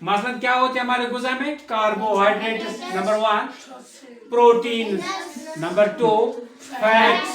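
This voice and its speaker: Echoey classroom teacher prompting students. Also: male voice, high voice. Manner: repeats key terms and prompts students to answer back. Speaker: school science teacher. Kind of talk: classroom lecture. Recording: echoey classroom, distant mic.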